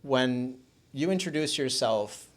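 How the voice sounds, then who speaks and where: A man's voice: medium pitch, lively intonation, slow. A man hosting a podcast, reading a guest introduction and chatting in a friendly, upbeat way. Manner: upbeat, friendly interviewer who reads guest bios. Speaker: podcast host. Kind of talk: casual interview conversation.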